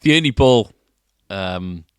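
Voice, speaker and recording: A man's voice: on the low side, expressive, slow, clean tone, dry recording, clean studio sound. A man co-hosting a shop podcast, chatting casually and often ending remarks with tag questions. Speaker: podcast co-host at a guitar shop. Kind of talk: casual chat. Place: shop, indoors.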